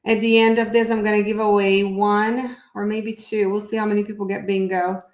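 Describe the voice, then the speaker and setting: With a medium-pitched voice, flat delivery and a fairly quick pace, a middle-aged woman with a Brazilian Portuguese accent hosts a casual live webinar as a therapy educator. She's chatty and upbeat, thinking aloud while sharing her screen, and the room is echoey.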